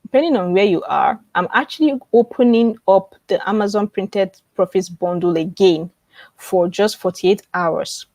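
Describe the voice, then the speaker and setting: In a dry, close recording with minimal room echo, a woman with a slightly mellow, medium-pitched voice talks at a normal pace. She coaches online publishing through an informal live webinar, mixing teaching and promotion, answering viewers' questions, repeating key phrases and checking in often.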